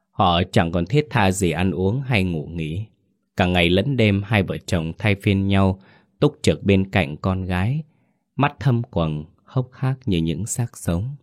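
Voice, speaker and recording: A man reading a horror story aloud in a slow, dramatic storytelling manner. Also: low voice. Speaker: narrator. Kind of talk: scripted horror narration.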